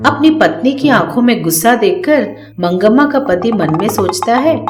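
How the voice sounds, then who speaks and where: A woman narrating a moral story in a measured, scripted way. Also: a little high, expressive. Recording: roomy echo, faint background music.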